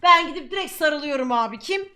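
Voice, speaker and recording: A woman YouTuber commentating a game she is playing, excitable, shouting at the game and laughing often. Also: high voice, fairly quick. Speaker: gaming YouTuber. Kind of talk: let's play commentary.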